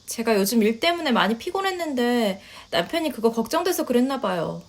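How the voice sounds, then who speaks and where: A woman voicing a polite, soft-spoken young wife who talks quietly and hesitantly in a story reading. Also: fairly high pitch, sing-song, a little fast. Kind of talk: storytelling voice acting.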